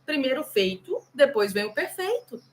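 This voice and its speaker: A woman's voice: sits high, moderate pace. Chatty Brazilian woman teaching live. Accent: Brazilian Portuguese. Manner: chatty, animated, talks straight to viewers. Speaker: English teacher. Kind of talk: live online English lesson.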